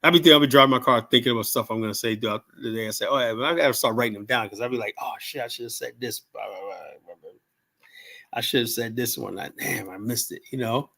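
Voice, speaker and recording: A man in his seventies hosts a casual livestream monologue in a fast, gravelly, bright, forceful voice of medium pitch. He rambles bluntly, swears freely, and keeps tacking on "you know?"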